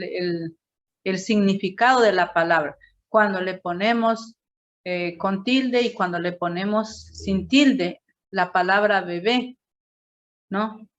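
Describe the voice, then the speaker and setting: A woman teacher explaining a grammar point slowly to a class, checking in with "no?" after each point. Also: mid-range voice, highs cut off. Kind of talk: classroom teaching, correcting a student presentation.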